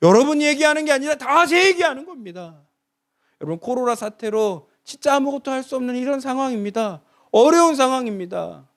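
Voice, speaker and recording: A young man delivers a sermon in a high, bright voice that leaps up and down in pitch. He is dramatic and impassioned, acting out cries and shouts, then falling suddenly quiet. The delivery is lively and theatrical. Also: brisk. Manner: dramatic, acts out quoted cries with sudden loud high shouts and hushed drops. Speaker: junior pastor.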